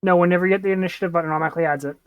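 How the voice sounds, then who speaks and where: A woman's voice: on the low side, steady tone, racing, phone-quality sound, a crowd in the background. A woman chatting casually as a player in a tabletop role-playing game.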